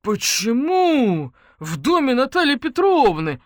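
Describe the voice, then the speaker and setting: Woman doing a fussy old colonel, high, loud, blustering, lively pitch, storybook. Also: normal speed, no echo, clean studio sound. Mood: flustered. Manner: shrill, blustering. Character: fussy older male neighbor, flustered colonel.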